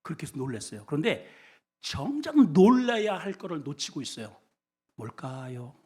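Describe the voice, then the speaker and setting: A male senior pastor preaching a sermon, asking the congregation questions, with sudden loud bursts and quiet low asides. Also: very animated, moderate pace, breathy edge. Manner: shouts often in his preaching; asks the congregation questions and has them repeat words.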